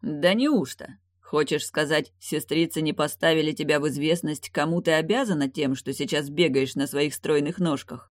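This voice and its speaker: A sardonic young warlock, as the reader plays him, calm and grinning through every line. He speaks in a dry, close storybook voice with only a slight lift in pitch. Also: moderate pace, no room sound, natural voice. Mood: mocking.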